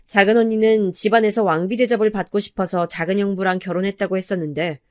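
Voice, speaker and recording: A woman of middle pitch tells a personal story in scripted narration. Her reading is calm, even and confiding. She sounds like a storyteller speaking straight to the listener.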